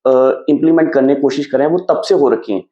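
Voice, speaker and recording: A man hosting an interview who listens attentively and asks measured questions. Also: fairly high pitch, warm tone. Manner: attentive, frequent short acknowledgements. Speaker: host. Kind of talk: interview conversation. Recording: roomy, dull lo-fi sound.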